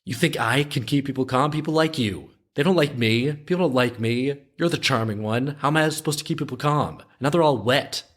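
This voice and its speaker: A man's voice: mid-range voice, fairly quick, hardly any pauses, fairly bright tone, pitched above the performer's own voice, natural voice. A man voicing a panicky, self-pitying male bank robber in a story retelling, with a whiny voice.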